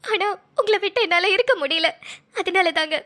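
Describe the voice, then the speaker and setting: A woman's voice: very high voice, moderate pace, sharp tone. A woman voicing a tearful, apologetic young wife in a cartoon, speaking colloquial Tamil Nadu Tamil. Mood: pleading. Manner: pleading, apologetic.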